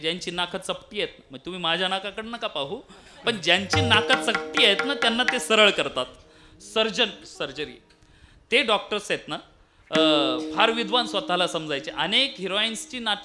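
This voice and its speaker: A man preaching a devotional kirtan, telling stories theatrically and breaking into sung refrains. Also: high voice. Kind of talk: devotional sermon storytelling with song.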